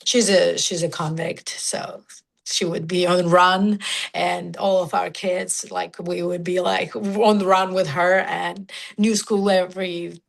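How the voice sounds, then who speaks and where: A young woman from Georgia, raised in Russia, with a Russian accent and a low alto voice with natural rasp, speaking haltingly in an interview with many fillers. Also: level tone. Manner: halting, many fillers, non-native grammar. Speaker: musician guest. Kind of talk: casual interview talk.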